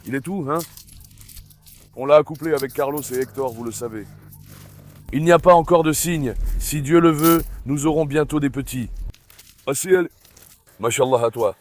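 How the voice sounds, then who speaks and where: A middle-aged dog breeder hosts a casual vlog from his dog farm, chatting with viewers and calling out fondly to his dogs. His voice is a little high, with no echo.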